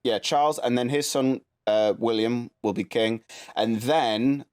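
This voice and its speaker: A man's voice: mid-range voice, a little slow, a crowd in the background. A man in casual chat on a video call, rambling and laid-back, swearing now and then. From United Kingdom. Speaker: guest.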